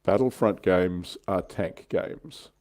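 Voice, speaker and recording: Co-hosting a livestream, a man with a low-pitched, slightly mellow voice takes his time as he casually shares and explains his views on tabletop wargames.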